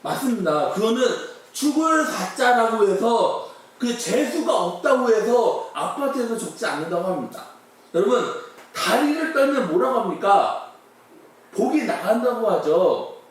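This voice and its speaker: A man's voice: high voice, big pitch swings, moderate pace. A male pastor giving a sermon, telling stories, acting out dialogue, and asking the congregation questions. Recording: echoey room, mic far off.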